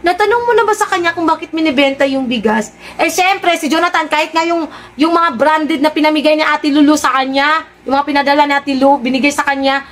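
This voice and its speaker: A woman's voice: sits high, brisk, fairly bright tone. A woman vlogger in casual live-stream commentary, talking to her viewers in a sarcastic way and firing off rhetorical questions.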